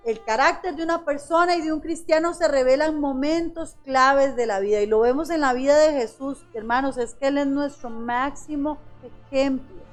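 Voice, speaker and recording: A woman with a high voice preaches a sermon, calling her listeners brothers and asking them one rhetorical question after another. She slows down to stress key phrases. Quiet music plays underneath. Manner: addresses the congregation as brothers with frequent rhetorical questions. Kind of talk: church sermon.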